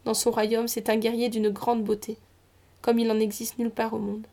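A woman's voice: fairly high pitch, level tone, normal speed, mellow, natural voice. A woman voicing a loving young wife in a folk tale, speaking in a soothing, tender way. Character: young wife of a river lord, loving and gentle.

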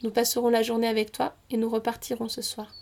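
A woman's voice: a little high, level tone, quick pace, creaky, darkish tone. A woman voicing a loving young wife in a folk tale, speaking in a soothing, tender way. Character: young wife of a river lord, loving and gentle.

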